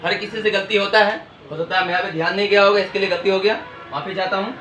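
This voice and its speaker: Soft music plays in the background as a man with a high, steady, sharp-toned voice talks fast through a language lesson at a whiteboard. He asks questions and answers them himself, call-and-response style, in an echoey room with faint hiss.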